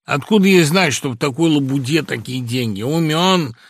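A man voicing a brash, scheming fellow who shifts from loud panic to pompous, commanding airs. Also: fairly high pitch, animated, moderate pace, slightly rough, pitched above the performer's own voice. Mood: panicked. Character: brash scheming man, suddenly grand and bossy.

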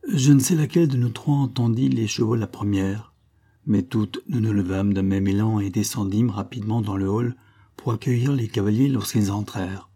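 A man reading a classic novel aloud in measured scripted narration. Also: lowish voice, mellow. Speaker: audiobook reader.

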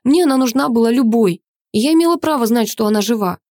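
A woman's voice: on the high side, animated, quick pace, no echo, clean studio sound, voice pushed up. A woman narrator voicing a young woman who confronts her father in tearful anger. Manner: pleading then shouting, tearful.

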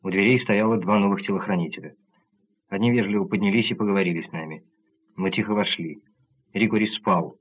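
A man narrating an audiobook in the first person, measured and even, on tinny narrow-band audio. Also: lowish voice, slightly rough.

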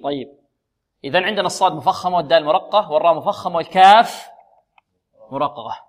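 A man's voice: fairly high pitch, fast talker. Man teaching Quran recitation, drilling sounds. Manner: patient, asks students questions and drills letter sounds. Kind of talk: tajweed lesson with call-and-repeat drills.

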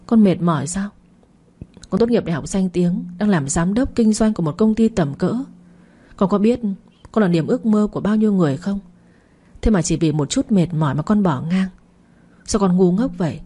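A woman's voice: medium pitch, animated, moderate pace, mellow, breathy edge. A woman voicing a stern, angry middle-aged mother who scolds and demands answers. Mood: scolding.

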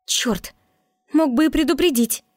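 A reader doing a snappish young princess in a storybook, pitched high above the reader's own voice and grumbling at her companions. The recording is close and dry, with no room sound at all. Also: expressive, moderate pace, a little mellow, no room sound, natural voice. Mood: irritated. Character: sharp-tongued young princess. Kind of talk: audiobook character voice.

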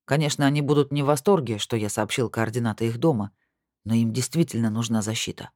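A reader voicing a reserved, weary male alchemist with a hoarse, low voice, in an audiobook. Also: fast, a little mellow, dry recording, studio quality, close to an everyday voice. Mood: matter-of-fact. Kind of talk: audiobook dialogue.

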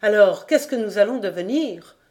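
A woman's voice: mid-range voice, lively intonation, moderate pace, lightly acted. A woman voicing a fierce, outspoken old woman in an audiobook, answering sharply. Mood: defiant. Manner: sharp retorts.

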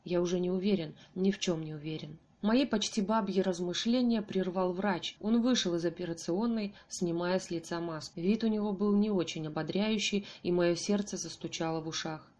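Female audiobook narrator, lowish voice, steady first-person reading. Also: normal speed, few pauses. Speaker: audiobook reader.

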